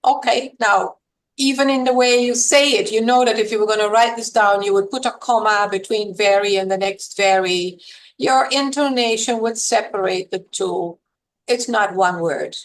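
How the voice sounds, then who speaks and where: A woman professor, a guest on an interview podcast, explaining points in a measured, lecturing way with some fillers. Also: mid-range voice, rough recording.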